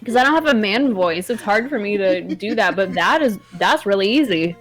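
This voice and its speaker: A woman's voice: medium pitch, expressive, normal speed. A woman co-hosting a gaming show in casual banter with friends. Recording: music behind the voice.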